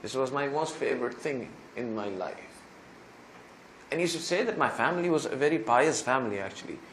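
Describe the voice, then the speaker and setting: A man's voice: medium pitch, lively intonation, fairly quick, a bit bright, a little hiss or hum. A male preacher giving a sermon, retelling another man's story in the first person and rising to emphatic pleas at its peaks. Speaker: Islamic preacher.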